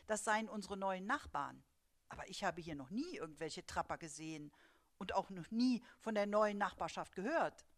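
An older woman reading her own short prose aloud in a dry, ironic first-person voice. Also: medium pitch. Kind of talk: literary reading.

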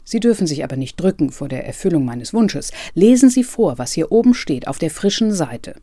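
A man's voice: a little high, big pitch swings, a little fast, mellow, no room sound, clean studio sound. A reader voicing a courteous, persistent older male writer who asks politely. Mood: insistent. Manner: polite, pleading.

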